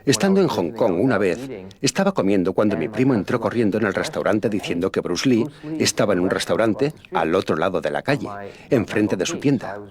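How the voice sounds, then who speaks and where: A man's voice: fairly low pitch, lively intonation, a little fast. A man being interviewed, telling a personal anecdote in a storytelling manner. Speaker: interviewee recounting a memory. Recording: crowd noise in the background.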